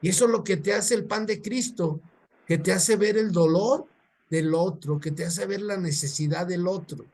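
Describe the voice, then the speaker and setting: Mexican man, preacher, storytelling sermon, colloquial, animated, high voice. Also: moderate pace. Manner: colloquial, animated, repeats words.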